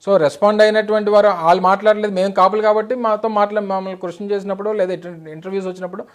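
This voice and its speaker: A man's voice: high voice, level tone. A middle-aged man, a party spokesman, answering insistently in a heated political interview. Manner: emphatic, insistent, rapid Telugu-English mix.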